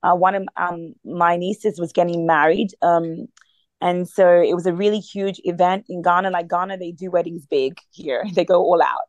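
A woman's voice: lowish voice, steady tone, moderate pace, darkish tone, dry recording, lo-fi sound. A woman leading a prayer meeting by phone, talking in an earnest, conversational way with many fillers. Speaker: prayer line leader.

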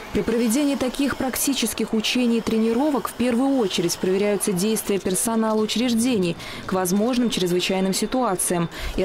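Fast female news reporter over street noise. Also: mid-range voice. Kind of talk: scripted news narration.

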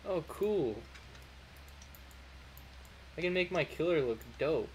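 A young man streaming a game live, chatting casually and excitably with friends and shouting out his viewers. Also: on the high side, takes it slowly. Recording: faint background noise.

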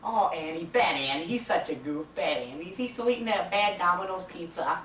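A man's voice: high-pitched, lively intonation, a little fast, fairly bright tone. Teacher impression: chirpy, goofy schoolmarm played by a young man, indulgent, repetitive, home camcorder sound at a distance. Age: young adult. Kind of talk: amateur comedy skit. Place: home kitchen. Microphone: camcorder a few feet away. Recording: noisy, roomy home camcorder audio.

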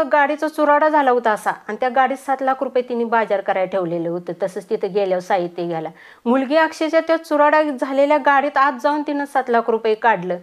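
A middle-aged woman telling a personal devotional testimony, plain storytelling with pauses and restarts. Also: on the high side.

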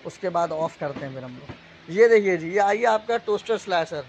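A man with a Pakistani accent giving a casual, unscripted live sales pitch as a shop salesman, repeating prices and tag phrases. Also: animated, moderate pace. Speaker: shop salesman hosting a live sale video. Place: indoor appliance store, walking the aisles. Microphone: handheld phone. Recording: dull lo-fi phone audio, shop noise.

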